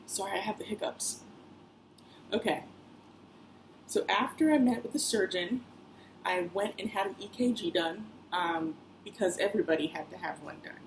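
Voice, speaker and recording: A woman's voice: medium pitch, normal speed, pauses often, poor audio. A young woman vlogging in a chatty, rambling way, full of fillers and side remarks. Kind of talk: casual personal vlog. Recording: faint background noise.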